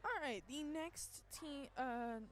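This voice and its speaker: Announcing a school powerlifting meet as it happens, a woman with a high-sitting voice stumbles through the lift calls with pauses and filler words. Yesterday's shouting has left her voice strained, and soft music plays behind her.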